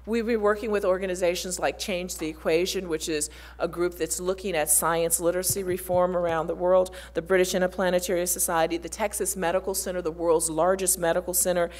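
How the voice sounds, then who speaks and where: A woman's voice: lowish voice, a little mellow. A middle-aged woman speaking earnestly on a conference panel at a table mic. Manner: earnest, listing many partners. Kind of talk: panel talk. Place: conference hall stage.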